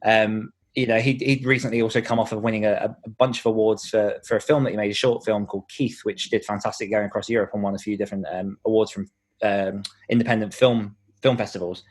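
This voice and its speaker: A fairly low-pitched man speaks at a quick pace with fairly even intonation. As a podcast host and author being interviewed, he gives earnest, explanatory replies, thinking out loud in a chatty way.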